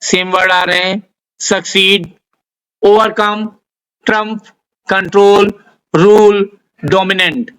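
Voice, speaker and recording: A man with an Indian accent, teaching a vocabulary lesson, dictating word lists slowly and carefully. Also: sits high, fairly even intonation, a bit bright, smooth, rough recording. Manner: dictates word lists slowly, spells out English example sentences. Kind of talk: slow, deliberate vocabulary lesson.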